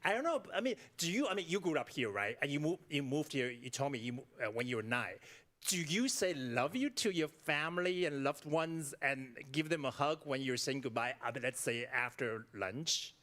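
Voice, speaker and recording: On stage in a library event room, a middle-aged Taiwanese author whose first language is Taiwanese Mandarin gives a casual talk with a Taiwanese accent. He is animated, laughs easily, and uses many fillers and restarts, speaking in a mid-range voice at a moderate pace.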